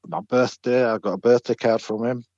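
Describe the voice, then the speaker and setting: A man's voice: mid-range voice, steady tone, moderate pace, a little mellow, dry recording, lo-fi sound. A middle-aged man telling a personal story as a podcast guest, chatty and hesitant, with many fillers and restarts. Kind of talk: storytelling in a casual interview.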